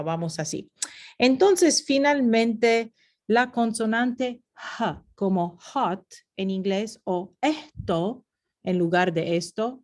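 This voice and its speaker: A woman's voice: mid-range voice, a little mellow. A woman teaching a phonetics lesson over slides, explaining step by step and slipping into short English asides. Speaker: Spanish teacher.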